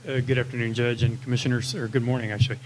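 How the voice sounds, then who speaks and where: A man's voice: medium pitch, level tone, very fast. A man giving courteous formal remarks as legal counsel in a public meeting room. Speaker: bond counsel addressing a meeting. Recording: noisy meeting room ambience.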